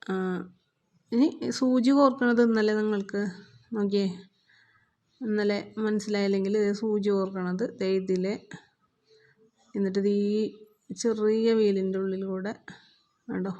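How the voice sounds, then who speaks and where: A woman's voice: mid-range voice, level tone, unhurried, long pauses, darkish tone, muffled recording. A woman giving a patient step-by-step sewing lesson, repeating each step and checking that learners follow. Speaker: sewing teacher.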